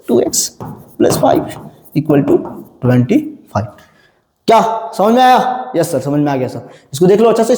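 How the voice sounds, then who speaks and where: A man's voice: high voice, warm tone. A male maths teacher giving a classroom lecture, repeatedly asking questions and answering them himself, calling his viewers children. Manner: addresses viewers as children and brother. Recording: echoey room with long reverb.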